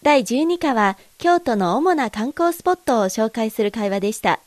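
A woman teaching a language lesson, reading dialogue lines with careful, deliberate enunciation. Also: a little high, animated, over music.

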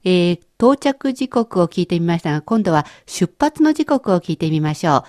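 A woman teaching a language lesson in a clear, encouraging way, explaining step by step. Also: lowish voice, very animated, normal speed, darkish tone, no echo, studio quality.

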